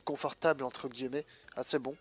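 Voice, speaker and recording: A man's voice: mid-range voice, steady tone, fairly quick. A man with a stuffed-up, nasal voice from a head cold, giving casual, colloquial gameplay commentary and hesitating as he thinks aloud. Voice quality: congested, nasal. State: sick with a blocked nose. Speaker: gaming video host.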